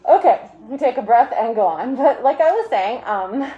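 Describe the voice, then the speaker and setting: A woman with a fairly high voice chats casually on a livestream, speaking through a mask and face shield. She rambles in a friendly-host format, tossing in jokey asides as she goes. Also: animated, moderate pace, phone-quality sound. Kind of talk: casual live video chat.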